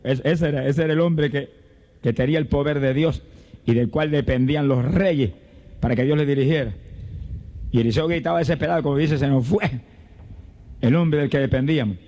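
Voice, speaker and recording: A man preaching a fervent Pentecostal sermon to a congregation in church, moving from calm Bible teaching to shouted praise. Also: on the high side, a little fast, pauses often, highs cut off. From Puerto Rico. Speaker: evangelist preacher. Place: church service before a congregation.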